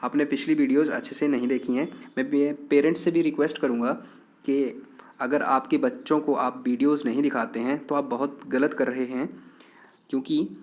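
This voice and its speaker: A man teaching an online English lesson, explaining step by step in an earnest, patient way and often checking that it is clear. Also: on the high side, darkish tone.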